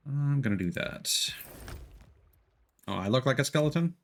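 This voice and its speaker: A man's mid-range, creaky voice comes through at a normal speed, and he sounds expressive. He's hosting a laid-back gaming stream, chatting loosely and thinking aloud as the game goes on.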